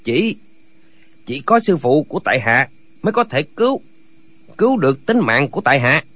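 A badly wounded young swordsman forces out words between gasps in a radio drama, played by a man. The voice is husky and faint, the phrases halting and broken. He sounds exasperated but too weak to raise it. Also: on the high side, very animated, pushed and bright, no echo, exaggerated voice. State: weak, gasping.

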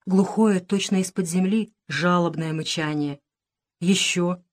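A woman's voice: fairly even intonation, measured pace. Woman reading a children's adventure aloud. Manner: dramatic, raising pitch and volume for shouted dialogue. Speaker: audiobook narrator. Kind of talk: audiobook narration with voiced dialogue.

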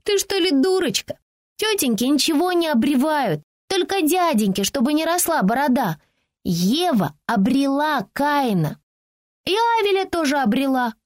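A woman's voice: sits high, big pitch swings, normal speed, no room sound, studio quality, voice pushed up. A woman reading an audiobook voices a five-year-old neighbour girl who taunts in blunt, slangy speech. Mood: mocking. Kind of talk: audiobook character voicing.

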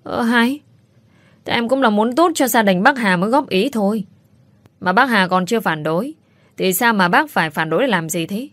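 A woman voicing a sharp-tongued, nosy middle-aged aunt who nags and scoffs, in a spoken story. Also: lowish voice, a little fast, dry recording, natural voice. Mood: scornful. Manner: scornful, nagging.

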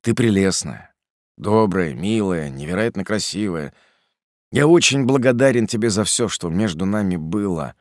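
A man's voice: fairly low pitch, lively intonation, normal speed, dry recording, studio quality, natural voice. Man playing a guilty young man breaking up. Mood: subdued, firm. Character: guilty young man ending his engagement.

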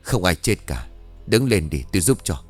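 Guy doing a gruff strict old village priest, low and solemn. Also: very animated, moderate pace, soft background music. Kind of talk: audio ghost story reading.

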